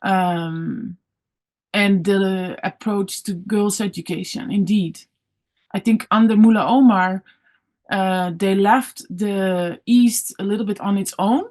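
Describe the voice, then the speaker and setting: A woman's voice: mid-range voice, fairly even intonation, takes it slowly, a little mellow. A woman on a panel discussion, polite and reflective. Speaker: panel speaker.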